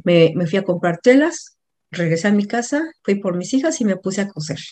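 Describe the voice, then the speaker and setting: A middle-aged woman with a Mexican accent tells a personal story, lively and anecdotal, stopping now and then to correct herself. Her voice is mellow and warm, sitting at an ordinary pitch for a woman. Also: normal speed. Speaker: coach.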